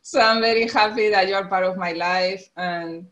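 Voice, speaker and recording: A woman in her forties from the Canary Islands, Spain, appears as a guest on a podcast, speaking with a Spanish accent in a medium-pitched, fairly bright voice. The interview is casual; she laughs often and restarts her sentences.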